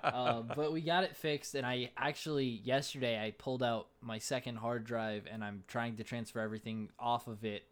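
A man of middle pitch chatting casually on a podcast. He hesitates often, circling back with ums and restarts. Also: fairly even intonation, moderate pace, few pauses. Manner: hesitant, lots of fillers and restarts. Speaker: podcast co-host.

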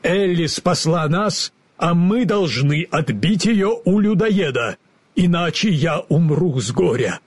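An earnest, tender-hearted tin woodman speaks in a husky, slightly raised voice, as a man reads him in a storybook. The sound is dry and close. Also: medium pitch, measured pace, no echo.

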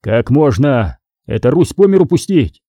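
A man's voice: medium pitch, big pitch swings, measured pace, dry recording, dull audio. A man doing a stubborn, grim medieval envoy. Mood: grave. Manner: stubborn, grave.

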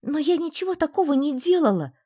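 A woman's voice: high-pitched, very animated, quick pace, warm tone, dry recording, studio quality, voice pushed up. A woman reading an audiobook voices an exasperated young female student in a raised voice. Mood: indignant.

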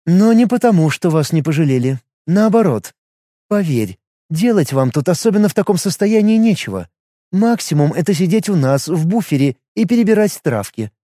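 A brisk, secretive healer woman who gives orders and keeps her own counsel, in an audiobook, voiced by a male narrator. The voice is pushed up high and moves lively and expressively, over a mellow, dark grain. The recording is close and dry. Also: no echo. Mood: insistent.

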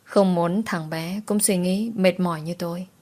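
A woman's voice: fairly low pitch, fairly even intonation, measured pace, warm tone. A woman narrating a romance novel in the first person, with dramatic, emotional storytelling. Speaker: audiobook narrator.

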